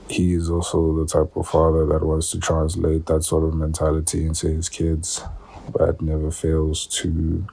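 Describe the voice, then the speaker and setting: Slow, gravelly young man's deep voice. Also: dark tone, poor audio. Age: young adult. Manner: slow, halting, earnest. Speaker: son paying tribute. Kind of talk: spoken tribute.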